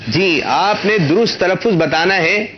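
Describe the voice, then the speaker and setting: A man hosting a children's quiz in a studio, coaxing the kids patiently and stretching words out slowly when he teaches. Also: high voice, dull audio. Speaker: quiz show host for children.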